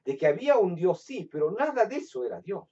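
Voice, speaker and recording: A preacher from Latin America giving a sermon with personal testimony, swinging between loud, emphatic bursts and hushed storytelling. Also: male voice, sits high, sing-song, a little fast, breathy edge. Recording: distant, dull lo-fi sound.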